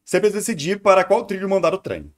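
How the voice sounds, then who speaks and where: Racing along in a high-pitched, animated voice, this streamer with a Brazilian Portuguese accent comments casually on a video he's reacting to. He hesitates and repeats words while thinking out loud.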